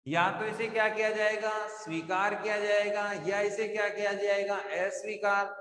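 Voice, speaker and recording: Writing on a board during a live online class, a male teacher repeatedly asks his students questions and then supplies the answers himself. His voice sits high and is fairly bright, level in tone, at normal speed. The room echoes with long reverb.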